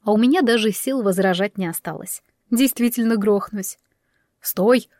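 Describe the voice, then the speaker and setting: A woman narrating a first-person fairy-tale story as an audiobook, in an even, expressive storytelling manner. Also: mid-range voice, moderate pace, no echo, studio quality.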